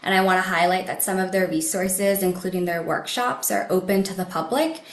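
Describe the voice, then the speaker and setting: A young woman from Northern Virginia, a PhD student, giving a measured, organized self-introduction on a video call. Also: fairly low pitch, echoey room.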